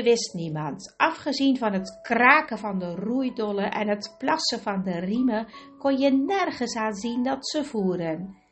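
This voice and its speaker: Slow, measured woman narrator. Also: on the high side. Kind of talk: audiobook reading.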